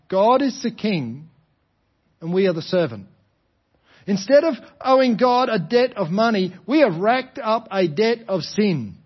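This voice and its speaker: High-voiced Australian man preaching, muffled recording. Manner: explanatory, with rhetorical questions and deliberate repetition for emphasis. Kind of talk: sermon, explaining a parable to a congregation.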